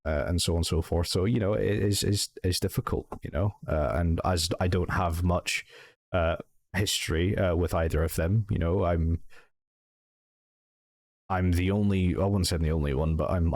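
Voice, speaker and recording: A young man from Scotland, a channel owner and roleplay group member, gives a personal vlog update in a sincere, hesitant way, restarting often and offering plenty of thanks. His voice is low and darkish, at a moderate pace.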